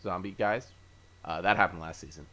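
A man's voice: low-pitched, fairly even intonation, fairly quick, sharp tone. A man hosting a podcast, casually recapping from memory in a rambling, easygoing way with many fillers and self-corrections. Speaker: podcast host. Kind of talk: casual chat.

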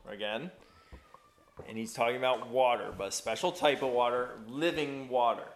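A man's voice: medium pitch, steady tone, moderate pace, echoey room. A man leading a Bible study class in a conversational way, asking the class questions.

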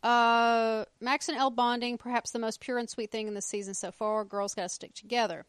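Wry Southern woman, higher voice. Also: steady tone, fairly quick, clean tone, no echo. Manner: reads listener notes aloud, wry and profane. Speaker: podcast host. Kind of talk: casual podcast chat.

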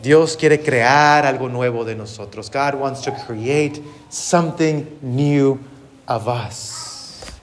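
A man preaching a sermon and translating himself line by line, earnest, with lively rises on key words. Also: medium pitch, extremely slow, a little hiss or hum. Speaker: pastor.

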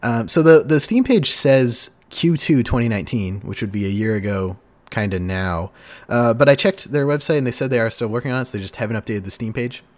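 A man's voice: medium pitch, animated, brisk, a little mellow. A man hosting a casual gaming podcast, chatty and upbeat, reading out segments and riffing with his co-host. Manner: upbeat, chatty, sings little jingles.

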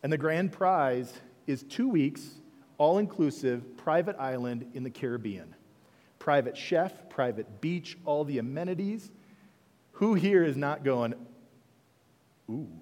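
A male pastor preaching in a chatty, questioning way, his fairly high voice swinging lively up and down. A long church reverb hangs on every phrase. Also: a little slow. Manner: conversational preaching, rhetorical questions, dips soft then rises. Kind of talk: sermon.

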